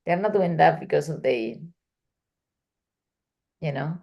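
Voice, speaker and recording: A woman with a deep voice and a gravelly edge leads a study group over a video call. She explains the text in a loose, conversational way, full of fillers and homely examples. She sounds like a teacher chatting rather than lecturing. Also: animated, takes it slowly, highs cut off.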